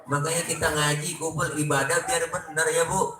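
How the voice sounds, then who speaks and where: A man's voice: on the high side, little pitch movement, moderate pace, distant mic. A man with a Jakarta Betawi accent giving a comic sermon at a prayer room gathering, acting out both sides of the dialogues he tells. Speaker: preacher. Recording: echoey room, noisy ambience.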